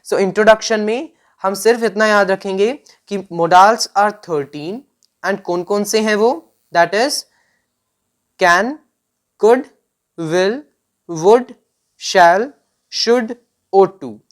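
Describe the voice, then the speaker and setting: An Indian English woman teaches grammar from slides at a very slow, deliberate pace. She moves back and forth between Hindi and English. She often pauses to check in with "right?" or "fine". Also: mid-range voice. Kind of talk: slide-based grammar lesson.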